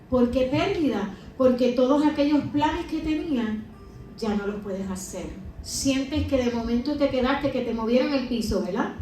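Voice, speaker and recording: A middle-aged woman speaks to a congregation in a fairly high voice. She gives her testimony with emphasis and keeps pulling the audience in with rhetorical questions. She sounds distant from the mic in a heavily reverberant hall with a faint hum underneath. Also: darkish tone. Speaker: church speaker and mother giving testimony. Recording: very echoey hall, mic far off.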